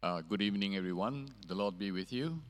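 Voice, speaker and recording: Male pastor preaching with cathedral echo. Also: lowish voice. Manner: measured, earnest preaching with hesitant fillers. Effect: long cathedral-like echo. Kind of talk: sermon. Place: church sanctuary. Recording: echoey church hall reverb.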